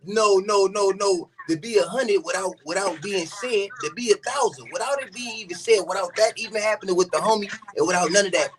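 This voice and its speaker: A man with a fairly high voice chats casually as a live stream host. His talk is slangy and repetitive, with a protesting manner. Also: brisk, few pauses, a crowd in the background, rough recording.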